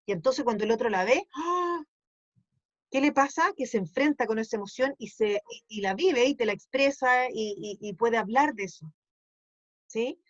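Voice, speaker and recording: A woman's voice: a little high, normal speed, no room sound, highs cut off. A woman teaching a class, explaining patiently and checking in often with questions. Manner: explanatory, asks ¿sí? to check understanding.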